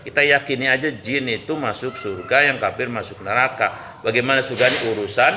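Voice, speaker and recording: A man's voice: mid-range voice, a little fast, bright, forceful tone, slight background noise. Joking, chatty male preacher. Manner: humorous, conversational, asks the audience questions. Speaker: Islamic preacher. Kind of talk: casual sermon with storytelling.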